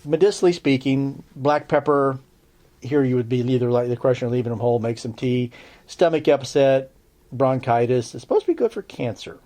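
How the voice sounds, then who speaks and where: Mellow-voiced man teaching herbal lore. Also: mid-range voice. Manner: chatty, checks in with "okay?"; dry sarcastic asides. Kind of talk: casual spoken lesson.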